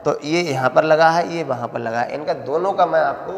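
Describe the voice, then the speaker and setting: A male primary school teacher giving a grammar lesson, stretching words out slowly and asking questions that he answers himself. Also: fairly high pitch. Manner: slow, drawn-out syllables, asks questions and answers them himself. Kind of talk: classroom lesson explaining grammar. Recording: echoey, reverberant room.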